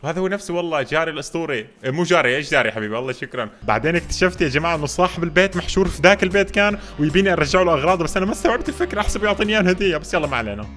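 A young man giving excitable gameplay commentary, animated and quick to burst into loud exclamations and English slang. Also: a little high. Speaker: gamer streamer. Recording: music playing under the voice.

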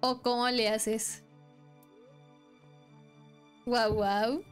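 A woman's voice: a little high, level tone, very slow, clean tone. A young woman with a Mexican accent, chatting casually and rambling while streaming a game. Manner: chatty, rambling, laughs often. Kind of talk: casual live-stream chat. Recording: faint music behind.

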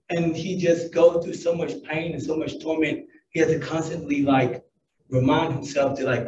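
A man from Alabama with a hoarse, raspy voice after losing it, giving a casual conference book talk. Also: medium pitch. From Alabama, USA. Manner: casual, conversational retelling. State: hoarse, lost voice. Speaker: book review presenter. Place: conference hall. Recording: echoey hall, distant mic, dull sound.

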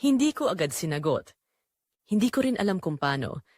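Here the same performer plays Rosa, the neglected wife of forty-three, confiding at a moderate pace in brief, dramatic lines with lively pitch swings. The mood is conflicted and longing, a wistful first-person audio story. It's captured close and dry, with no room sound.

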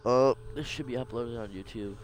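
A man's voice: medium pitch, moderate pace, a little hiss or hum. A man doing casual live gameplay commentary as a streamer. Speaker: game streamer.

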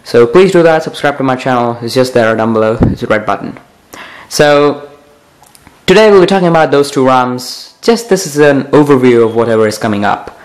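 Young male tech vlogger, mid-pitched voice, casual and rambling, often stalling mid-sentence. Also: lively intonation, brisk, poor audio. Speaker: tech video host. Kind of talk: casual phone software overview vlog.

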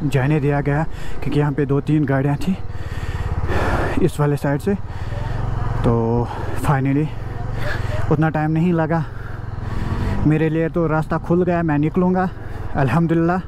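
A man's voice: a little high, steady tone, unhurried, pauses often. A young man narrating a casual travel vlog while riding a motorbike on a mountain road, recorded on an action camera. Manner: chatty, asks locals questions. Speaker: motovlogger. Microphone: helmet or bike-mounted action camera. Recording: outdoor road with traffic noise.

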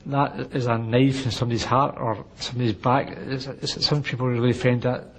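A man speaks earnestly in an interview, indignant at what he recalls. His voice is mid-pitched and husky. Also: little pitch movement, moderate pace. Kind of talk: interview recollection.

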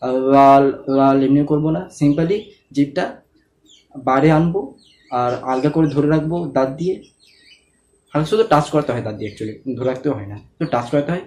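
Patient male recitation teacher, slightly high. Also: darkish tone. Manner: patient, repeats letters with long drawn-out sounds; asks the viewer to follow along and checks understanding. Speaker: Quran reading teacher. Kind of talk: step-by-step recitation lesson.

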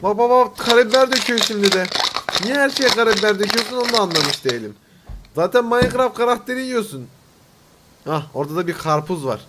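A man's voice: sits high, lively intonation, fast, a bit bright, a little hiss or hum. A young man casually commenting on videos he is watching, teasing and mocking what he sees. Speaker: reaction video host.

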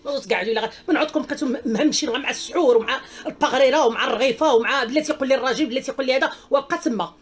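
A woman's voice: sits high, very fast, hardly any pauses, slightly rough. A woman with a Moroccan accent hosting a live stream, reading viewer comments and speaking out in an emphatic, outspoken way. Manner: outspoken and emphatic, with repeated exclamations.

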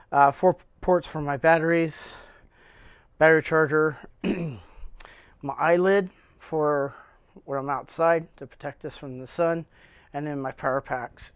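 Relaxed man narrating a dry gear demo. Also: fairly high pitch, no room sound. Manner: relaxed, many fillers, frequent throat clearing. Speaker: channel host reviewing gear cases. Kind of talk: casual product show-and-tell. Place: indoor room with cloth backdrop, speaking off camera.

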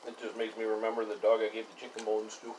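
A man chatting casually with his wife during a home mukbang, talking quietly with his mouth full of chicken. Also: fairly low pitch, level tone, quick pace, far from the mic, noisy background. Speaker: husband co-hosting a mukbang. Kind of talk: casual chat while eating.

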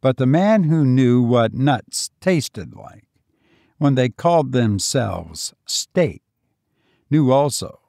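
A man narrating a story as host of a reading program, in a measured, expressive manner. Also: medium pitch, creaky, no echo, clean studio sound.

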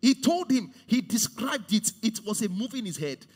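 A man in his forties preaching a sermon on a large church stage, swinging from hushed to loud. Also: high voice, sing-song, moderate pace, husky, long reverb tail. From Nigeria. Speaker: pastor.

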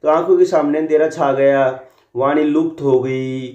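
Guy teacher talking kids through answers real slow, repeats stuff, echoey muffled recording. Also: a little high, steady tone, dark tone. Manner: slow, repetitive, dictating answers to children. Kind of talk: school lesson explanation. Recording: roomy, dull lo-fi recording.

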